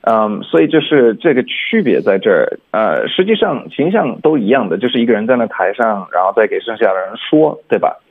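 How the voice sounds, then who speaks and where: A man working as an English teacher on a radio lesson, explaining pronunciation in a relaxed way and dropping English words into his speech. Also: fairly low pitch, fairly quick, hardly any pauses, slightly rough, narrow, tinny audio.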